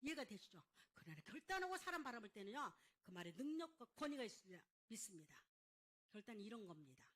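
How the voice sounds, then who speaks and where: A middle-aged woman pastor delivers a fervent sermon in a high, bright voice. Her pitch leaps and dips as she calls out questions to the congregation. She acts out scripture scenes with dramatic character lines. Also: big pitch swings, quick pace. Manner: emphatic preaching with call-and-response questions to the congregation.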